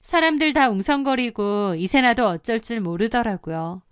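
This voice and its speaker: A woman's voice: on the high side, lively intonation, normal speed, clean tone, no echo, studio quality. A woman narrating her own story in the first person, confiding and matter-of-fact.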